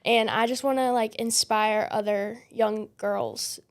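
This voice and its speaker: A woman's voice: on the high side, fairly even intonation, slow pace. A woman, chatting as a podcast guest in a bubbly, giggly way with lots of fillers. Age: 20s. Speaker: guest, spray tan business owner. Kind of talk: casual interview chat.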